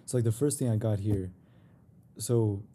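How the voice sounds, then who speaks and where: A man's voice: fairly low pitch, moderate pace, warm tone, slight background noise. A young man hosting a podcast in casual chat, laid-back and rambling, often saying "you know". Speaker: podcast host.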